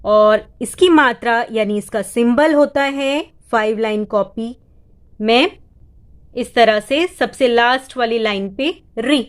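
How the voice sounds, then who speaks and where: A woman's voice: on the high side, slow. A woman tutor, patiently explaining vowel sounds step by step and drawing out each sound. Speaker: home tutor teaching reading. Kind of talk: step-by-step lesson.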